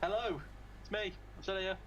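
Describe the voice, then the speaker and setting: A man's voice: high voice, normal speed, a bit bright, muffled recording. A man with a northern English accent interviewing a streamer in a casual, joking way, often stammering and restarting. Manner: stammers and restarts, dry jokes. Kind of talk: casual joking chat over a stream call.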